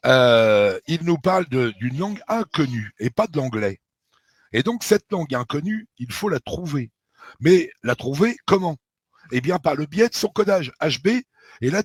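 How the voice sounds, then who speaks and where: A man's voice: on the high side, husky, no room sound. A middle-aged man from France, talking casually and emphatically with many fillers and asides. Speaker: researcher of a historical mystery. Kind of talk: casual conversation.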